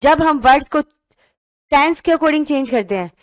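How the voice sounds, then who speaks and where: A woman teacher giving an online class, explaining slowly and reading questions out word by word. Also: high-pitched, expressive, no room sound, studio quality. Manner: calls students "beta", mixes English into talk.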